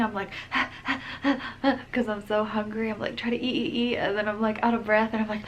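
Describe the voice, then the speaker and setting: A woman's voice: medium pitch, a bit bright. A young woman talks straight to camera in a loose, rambling vlog update, leaning on ums and likes as she goes. She sounds a little out of breath, and a faint hiss of background noise sits under her voice. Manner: chatty, many ums and likes. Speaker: vlogger. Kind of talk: casual pregnancy update vlog.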